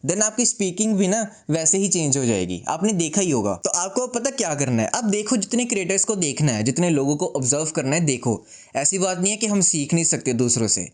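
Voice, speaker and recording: A man talking to camera in a casual advice vlog, speaking slowly and deliberately with pauses, mixing English phrases in and making self-deprecating jokes while seated indoors. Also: high voice, big pitch swings, darkish tone. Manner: slow, composed, deliberate delivery with pauses; mixes English phrases into Hindi. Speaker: YouTuber.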